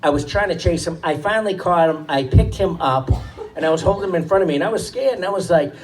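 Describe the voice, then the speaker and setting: A man doing stand-up, telling animated stories about his kids and acting out their voices. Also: sits high, fast talker, music in the background. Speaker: stand-up comedian and father. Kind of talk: stand-up storytelling. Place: comedy stage before a live crowd. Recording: distant stage mic, audience laughing.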